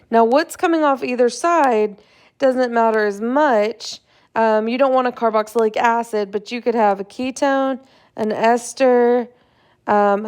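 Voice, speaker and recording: A woman's voice: a little high, darkish tone, clean tone. A young woman who is a chemistry instructor, giving a casual recorded lecture over slides, a bit tired and yawning, with fillers and checks like "right?".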